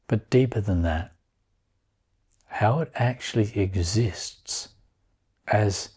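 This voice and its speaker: In a low, mellow, husky voice, a man guides a meditation. His short phrases come very slowly and calmly, separated by long pauses.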